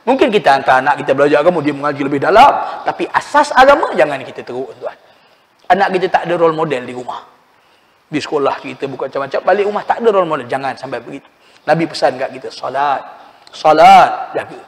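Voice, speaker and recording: Preacher, male, high-pitched, animated sermon storyteller, reverberant mosque sound. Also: fast talker. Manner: animated storytelling, addresses listeners as "tuan-tuan". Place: mosque hall. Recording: long reverb in a mosque hall.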